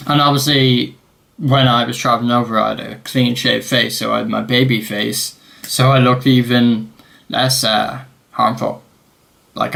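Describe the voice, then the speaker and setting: A young man in his late teens tells a casual storytime, circling back through fillers and quick self-corrections. His mid-pitched voice has a gravelly, creaky edge. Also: fairly bright tone. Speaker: vlogger.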